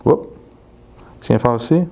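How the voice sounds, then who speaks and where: This is a man with a Quebec French accent, pitched right in the middle of the male range. He talks in a loose, animated way, tumbling through restarts as he tells his story. He also coaches someone through a hands-on postural test. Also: slow pace, creaky. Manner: animated, rambling with many restarts. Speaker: postural therapist. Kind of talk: casual storytelling and live demonstration.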